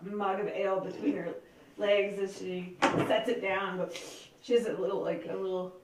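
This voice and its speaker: A woman's voice: medium pitch, flat delivery, normal speed, heavy background noise. A woman narrating as game master in a chatty, laughing way with many fillers. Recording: echoey room, distant mic, faint ambience.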